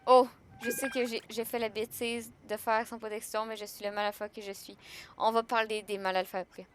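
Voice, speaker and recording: A woman's voice: fairly high pitch, flat delivery, a little fast, slight background noise. A young woman with a Québécois French accent chatting casually on a live stream, joking and answering her chat.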